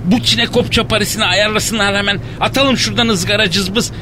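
An actor playing a brash, careless ship captain in a comic radio play, talking in blustering street slang. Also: male voice, fairly even intonation, fairly quick, natural voice. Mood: jovial. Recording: noisy, rumbling background.

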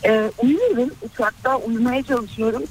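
A woman's voice: a little high, moderate pace, a little hiss or hum, rough recording. A woman calling in to a radio show, telling a family story hesitantly with many fillers. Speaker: radio caller. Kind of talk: casual phone-in chat.

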